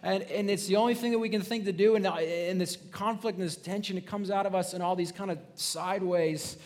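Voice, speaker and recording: A man's voice: high-pitched, fairly even intonation, brisk, darkish tone. A man preaching a sermon as a pastor, talking casually with frequent "right?" tags and restarts, and acting out the voices of people in the story.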